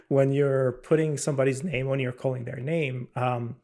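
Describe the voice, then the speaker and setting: A middle-aged man from Albania is a guest on a podcast. He speaks in a measured, hesitant way, filling pauses with "um". His pitch stays fairly flat at a middle level. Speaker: guest, company CEO. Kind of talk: conversational podcast interview.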